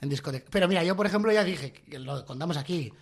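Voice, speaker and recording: A young man from the Basque Country, co-hosting a comedy podcast and telling stories in animated chat, acting out the voices of others. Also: on the high side, fast, breathy edge. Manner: animated storyteller, acts out voices.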